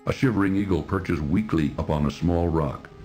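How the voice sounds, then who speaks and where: A man's voice: sits low, normal speed, a little mellow, faint music behind, lightly acted. A man playing a wry storybook narrator in a fantasy adventure game. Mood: wry storytelling.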